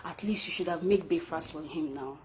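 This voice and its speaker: A woman's voice: fairly low pitch, lively intonation, a little fast, gravelly, a little mellow, slight background noise. A woman with a Nigerian accent playing an unmarried friend in a film drama. She speaks earnestly and gives advice. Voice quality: earnest, advising. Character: unmarried female friend, calm and preachy. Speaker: film actor.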